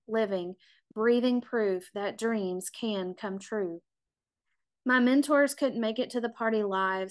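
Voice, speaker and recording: A middle-aged woman reading her own memoir aloud in a measured, reflective and confessional way. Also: medium pitch, clear, resonant tone. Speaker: author.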